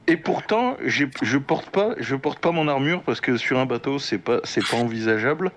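A man's voice: mid-range voice, normal speed, a bit bright. A man playing a tabletop role-playing game casually, polite and hesitant, often restarting his phrases.

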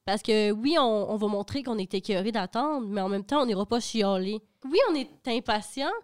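A woman's voice: medium pitch, moderate pace, smooth. A young woman with a Quebec French accent, chatting animatedly on a panel and using lots of fillers. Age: young adult. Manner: animated, talks with fillers like "genre" and "comme". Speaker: panel guest. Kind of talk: casual panel discussion.

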